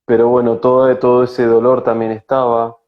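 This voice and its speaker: A man from Argentina with a Rioplatense accent, a spiritual guide talking slowly and searchingly in an interview, with frequent hesitations. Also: mid-range voice, monotone, highs cut off. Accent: Rioplatense Spanish. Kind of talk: reflective conversational interview. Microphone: video call.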